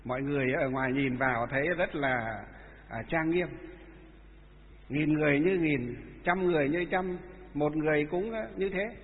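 A man, a Buddhist monk giving a dharma talk and telling stories, with many halting filler sounds. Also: fairly high pitch. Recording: echoey hall, tinny phone-like sound.

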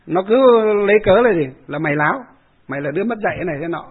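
A fairly high, husky male voice, a Buddhist monk rambling through a story with fillers and repetitions. The sound is narrow and phone-like, as if heard over a radio. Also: lively intonation, quick pace. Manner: rambling, with many filler sounds and repeated phrases.

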